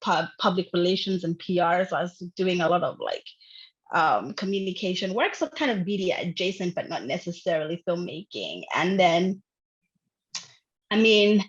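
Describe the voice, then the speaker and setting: A young Ugandan filmmaker, appearing as a guest, chats casually in an interview over a video call, using lots of fillers and laughing often. Her voice sits on the low side with lively intonation at a moderate pace, and the call audio is dull and lo-fi.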